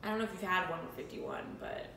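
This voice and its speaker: A woman in her thirties telling a comic story casually to camera, halting and full of fillers, with dramatic emphasis. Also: on the low side, huge pitch swings, gravelly. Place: indoors, open kitchen and hallway at home. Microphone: phone camera a few meters away. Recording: roomy, distant mic, noisy.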